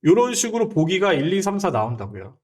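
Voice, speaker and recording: A man teaching a spreadsheet exam lecture, talking straight to his viewers and keeping them involved with constant quick questions. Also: high voice. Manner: lively, rhetorical questions to viewers.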